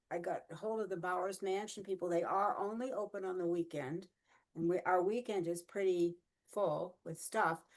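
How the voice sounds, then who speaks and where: A woman's voice: on the low side, darkish tone. A woman organizing a fan gathering, chatting casually on a video call with many fillers.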